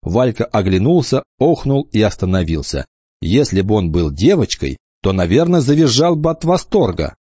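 A man reading a children's novel aloud in an expressive way, shifting into voices for the characters. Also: fairly low pitch, moderate pace, breathy edge, no echo, lo-fi sound. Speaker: audiobook reader.

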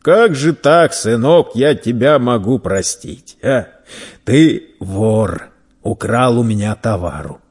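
A man voicing a burly red-bearded merchant who scolds and mocks a young thief loudly. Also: mid-range voice, lively intonation, slow pace, husky. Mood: scolding. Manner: loud, scolding, teasing.

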